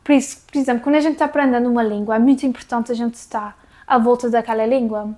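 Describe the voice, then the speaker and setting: A young woman from São Miguel in the Azores talks straight to her viewers, with a clear Azorean accent. Her voice sits somewhat high, and she chats easily, with small fillers along the way. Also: quick pace. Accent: Azorean, São Miguel island. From Azores, Portugal. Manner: chatty and relaxed, with fillers and small laughs. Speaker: vlogger. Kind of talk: casual talk to camera.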